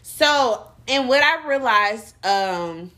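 A woman co-hosting a casual faith podcast, talking emphatically with quick asides. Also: a little high, expressive, pushed and bright. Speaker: podcast co-host.

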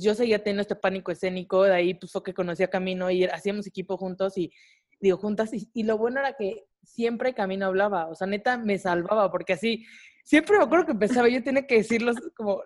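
A woman in her twenties with a Mexican Spanish accent, co-hosting a podcast and telling a personal story in a casual, animated way, full of fillers and slang. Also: mid-range voice. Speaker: podcast co-host.

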